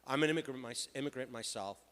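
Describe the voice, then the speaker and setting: In a large conference hall with reverb and PA sound, a middle-aged Lebanese man speaks fast as a panelist, telling his story. He's a payments executive with a mid-range, fairly bright voice.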